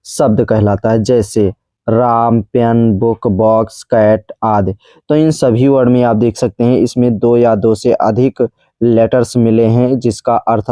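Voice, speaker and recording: In Hindi, a man slowly explains basic English grammar, saying each definition twice, calling viewers friends, and pronouncing English terms with a Hindi accent. His mid-range voice is warm, and the recording is dry.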